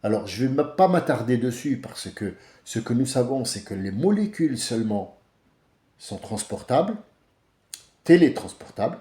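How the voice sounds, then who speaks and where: Man, casual religious monologue, blunt, rambling, lively pitch, echoey room. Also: moderate pace. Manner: rambling, blunt, with many restarts. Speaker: religious commentator.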